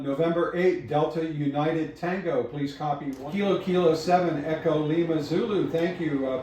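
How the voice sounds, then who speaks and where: A man working as an amateur radio operator, calling contacts over ham radio in the phonetic alphabet, measured and clipped, into a headset mic. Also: a little high, darkish tone, a little hiss or hum. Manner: measured, clipped call-sign delivery. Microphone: headset microphone. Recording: echoey room.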